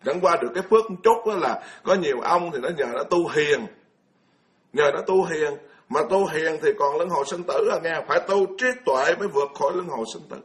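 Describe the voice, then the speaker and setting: A man's voice: on the high side, a little fast. A man, giving a blunt, colloquial Buddhist sermon full of scolding rhetorical questions. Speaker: Buddhist monk lecturer.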